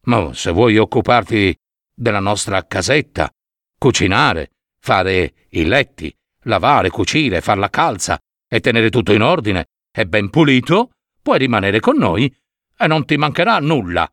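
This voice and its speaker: A man's voice: lowish voice, very animated, measured pace, fairly bright tone, no echo, studio quality, pitched below the performer's own voice, heavily acted. A man voicing the seven dwarfs in a storybook reading, giving earnest warnings. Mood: kind. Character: seven dwarfs, gruff and protective.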